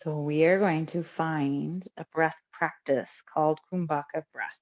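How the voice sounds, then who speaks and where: This is a calm breathing meditation taught by a woman whose voice is low-pitched. She takes her time, pausing at length between instructions, and the recording comes across muffled.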